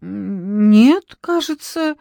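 A woman's voice: medium pitch, animated, drawn-out words, gravelly, dark tone, no room sound, pitched above the performer's own voice, heavily acted. A woman reading an audiobook, voicing a flustered, apologetic shop worker who speaks in a hesitant, muffled way.

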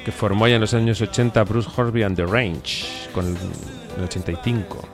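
Male radio host, Spain accent, low hoarse smoker's rasp, casual banter over clearly audible music. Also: moderate pace. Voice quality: raspy, boozy-sounding voice from a bad throat. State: hoarse, sore throat.

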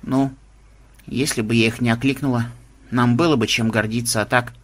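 A man voicing an excitable, whiny young girl adventurer in a storybook, with high loud squeals and whimpers. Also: normal speed, close to an everyday voice. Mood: glum, apologetic.

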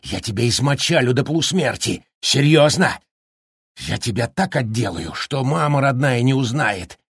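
A man voicing a raging, unhinged middle-aged father who shouts threats in a husky voice. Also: low voice, big pitch swings, very slow, dry recording, studio quality, exaggerated voice.

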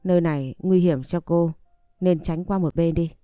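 A woman voicing a wealthy businessman who gives brisk, authoritative orders, in an audio story. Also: fairly low pitch, mellow, smooth, no room sound, clean studio sound, soft background music, close to an everyday voice. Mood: commanding.

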